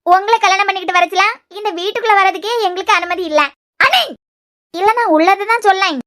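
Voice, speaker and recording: A woman voicing a resentful young woman in a cartoon series, speaking in a sharp, scornful way with a Kanyakumari Tamil accent. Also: extremely high pitch, quick pace.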